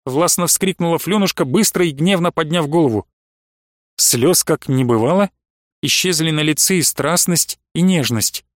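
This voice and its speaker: A man reading a classic novel aloud in measured, expressive narration. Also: on the high side, no echo, clean studio sound. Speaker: audiobook narrator. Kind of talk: literary audiobook narration.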